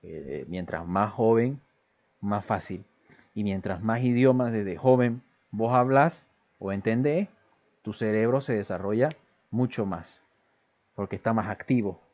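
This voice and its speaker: A man gives a relaxed live lesson in aviation English. He chats with viewers and breaks off to read English phrases aloud. His voice is fairly low, and the stream audio sounds dull and lo-fi. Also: a little slow. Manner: chatty, greets viewers, switches between explanation and reading English phrases. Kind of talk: casual livestream lesson.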